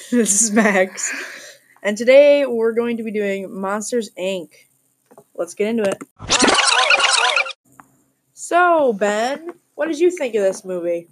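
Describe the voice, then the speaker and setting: A woman's voice: on the high side, animated, slow, pauses often, a little mellow, a little hiss or hum. A woman hosting a casual movie podcast, leading the talk, reading out ratings and laughing often. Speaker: podcast host. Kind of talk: casual chat about a movie.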